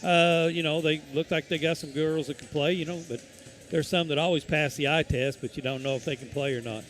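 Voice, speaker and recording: A man giving casual color commentary on a high school basketball game, rambling and folksy with many fillers and restarts. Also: steady tone, fairly quick, fairly bright tone, soft background music.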